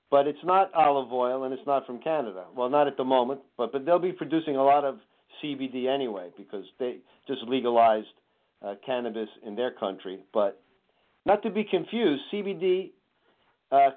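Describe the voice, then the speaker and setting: Friendly man explaining over a phone line. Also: medium pitch. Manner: friendly, explanatory, jokey asides. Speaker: chiropractor guest. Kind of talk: radio interview explanation. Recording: tinny phone-line sound.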